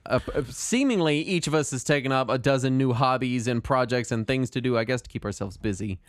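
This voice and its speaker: A man in his thirties talks casually on a podcast in a dry, close recording. He that he keeps in check. His delivery is hesitant and rambling, at a middling pitch. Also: brisk, no room sound. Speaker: podcast co-host. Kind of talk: casual chat.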